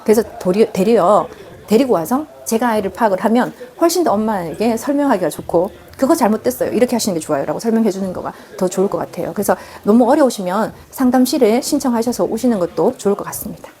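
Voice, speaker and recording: A woman's voice: mid-range voice, lively intonation, fast talker, mellow. A woman counselor giving parenting advice on a live stream, speaking emphatically and directly. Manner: emphatic, direct, acts out quoted parent and child lines. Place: live online broadcast.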